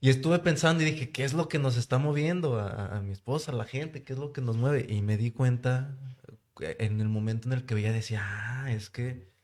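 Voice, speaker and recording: A man, a podcast guest, talking in a relaxed, reflective way. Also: medium pitch, a little fast. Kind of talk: casual podcast conversation.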